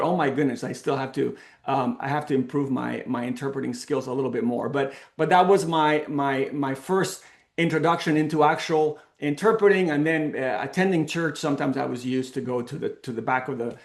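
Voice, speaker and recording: Telling the story of his company on a video call, a middle-aged man from Spain's Canary Islands gives a casual presentation packed with fillers and restarts. His pitch is fairly high, and the sound is roomy.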